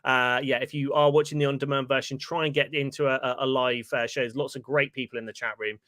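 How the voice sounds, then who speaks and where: Man, bright voice, dry close sound, chatty host, laughs easily. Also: mid-range voice, flat delivery, quick pace, dry recording. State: tired. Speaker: podcast host. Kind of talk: casual live-stream chat.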